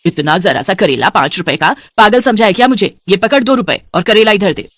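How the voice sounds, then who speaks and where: A woman's voice: medium pitch, lively intonation, a little fast, a bit bright, dry recording. A woman voicing a stingy, scheming old mother-in-law in a cartoon, with a scolding, penny-pinching manner.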